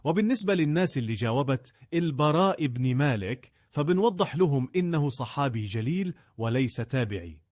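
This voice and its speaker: Fast, animated Egyptian man announcing a contest. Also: mid-range voice, dry recording, clean studio sound. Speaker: contest presenter. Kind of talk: scripted promotional prize announcement.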